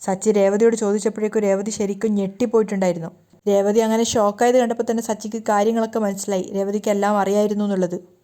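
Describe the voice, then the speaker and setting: Mellow-voiced woman retelling a serial. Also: medium pitch, flat delivery. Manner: quick retelling with small restarts. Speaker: serial recap narrator. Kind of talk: casual storytelling recap.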